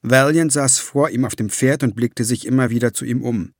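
A man reading a fantasy novel aloud as audiobook narration, measured and steady. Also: medium pitch, no room sound, clean studio sound. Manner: measured storytelling.

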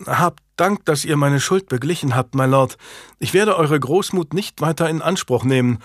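A man's voice: a little high, normal speed, no room sound, studio quality, natural voice. A man voicing a hungry, ashamed fourteen-year-old noble boy who speaks formally and humbly in a storybook reading.

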